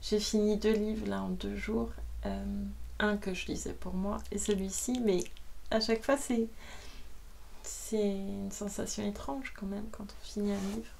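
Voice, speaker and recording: Soft-spoken woman in rambling closing chat. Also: mid-range voice, steady tone, measured pace, vocal fry, slight background noise. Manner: soft, rambling and musing, slipping into whispers. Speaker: audiobook reader.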